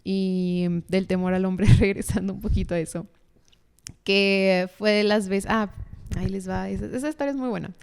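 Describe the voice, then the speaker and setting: A young woman from Mexico, a podcast guest, sharing a personal faith testimony in a casual, earnest and animated way. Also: mid-range voice, moderate pace, creaky, clean tone. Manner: earnest, animated storytelling with laughs.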